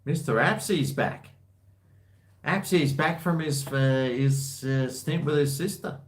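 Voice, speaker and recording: At a slow pace and medium pitch, a man hosting a livestream chats about viewer comments. He rambles in relaxed, blokey slang.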